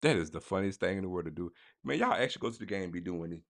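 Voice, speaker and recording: A man hosting a casual sports podcast, talking straight to his listeners in slangy, animated bursts. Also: deep voice, rapid-fire, vocal fry, dry recording, studio quality. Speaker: podcast host.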